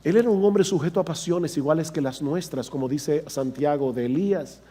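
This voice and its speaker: A pastor with a high-pitched voice delivers a sermon. He preaches emphatically, repeating words for stress and asking his listeners questions directly. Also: brisk, mellow, breathy edge.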